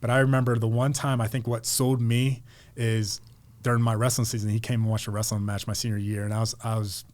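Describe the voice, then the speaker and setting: A middle-aged man from Pennsylvania talks as a podcast guest, his stories loose and full of restarts. His voice sits at an ordinary mid pitch and his delivery stays relaxed and conversational. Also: a little fast. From Pennsylvania, United States. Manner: rambling, with many restarts and repeated words. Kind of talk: casual storytelling interview.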